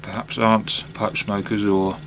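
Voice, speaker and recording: A man chatting casually on his own in a hesitant, musing way, with long pauses and trailing phrases. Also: lowish voice, flat delivery, a bit bright, slight background noise. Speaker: pipe-smoking vlogger. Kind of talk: casual monologue to camera.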